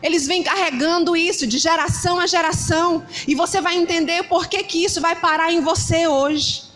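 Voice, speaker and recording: A middle-aged woman pastor with a Ceará Brazilian Portuguese accent delivers a sermon, her voice sitting high. She tells stories in a lively way and mimics shouting parents. Faint music plays beneath her. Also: moderate pace. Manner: animated storytelling, acting out shouting parents.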